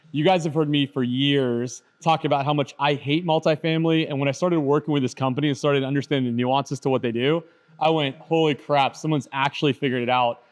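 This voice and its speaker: Chatty guy hosting a podcast, hyped up and easygoing, mid-pitched voice. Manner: enthusiastic, loose, says "bro" and "dude". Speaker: podcast host. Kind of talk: casual interview.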